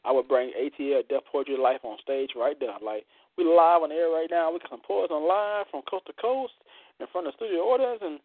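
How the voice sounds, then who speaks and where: A man's voice: a little high, a little fast, dry recording. A man hosting a live poetry show casually, with a playful, boastful, colloquial way of talking. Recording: tinny, narrow-band radio-like line.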